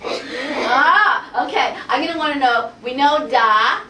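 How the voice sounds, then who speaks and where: A woman teaching a Hebrew phonics lesson to a class, energetic and coaxing, asking the group question after question. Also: high-pitched, moderate pace, slight background noise. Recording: roomy classroom audio from far off.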